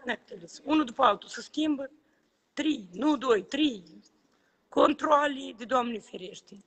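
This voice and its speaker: At a government building entrance, a protesting citizen films on his phone and complains heatedly to camera, repeating his grievances with indignation and exclamations. His voice is very high-pitched, bright and forceful, captured in an echoey hall with faint ambience.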